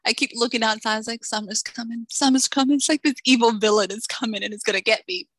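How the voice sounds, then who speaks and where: A woman's voice: on the high side, fast talker, no room sound. A woman from the Dominican Republic, an author interviewed in a casual chat, joking and acting out the voices of people in her stories. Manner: lively, joking, acts out quoted voices. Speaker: author guest.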